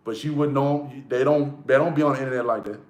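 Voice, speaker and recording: A man's voice: mid-range voice, fairly even intonation, fast talker. A man giving a casual motivational monologue, blunt and profane, repeating key lines for emphasis. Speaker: motivational vlogger. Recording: echoey room.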